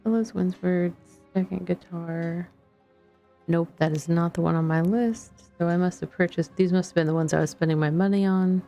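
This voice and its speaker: A woman streams an online fantasy game, thinking aloud in short, casual fragments while music plays. Her lowish voice has vocal fry, a dark, steady tone and normal speed, and the audio sounds dull.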